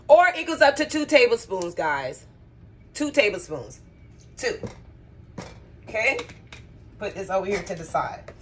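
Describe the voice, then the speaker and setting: A chatty woman with a fairly high voice talks viewers through a home cooking demonstration. She keeps addressing them directly as guys and y'all. A faint hiss sits under the recording. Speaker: cooking vlogger. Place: home kitchen.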